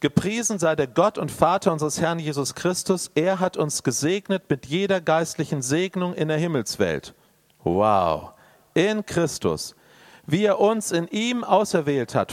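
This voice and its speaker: Guy giving a sermon, kinda high voice, gets loud then goes soft, talks right at you. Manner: animated, shifts between loud emphatic bursts and quiet intimate asides; addresses the listener directly and personally. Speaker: preacher.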